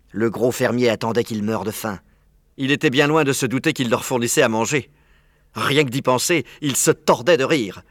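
A man narrating an audiobook story in a clear, measured reading. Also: mid-range voice, dry recording, clean studio sound.

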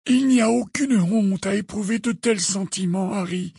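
A man voicing a very calm, gentle old headmaster wizard who speaks slowly in an audiobook. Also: very high voice, husky, no echo, clean studio sound, voice pushed up, exaggerated voice. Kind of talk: audiobook character voice.

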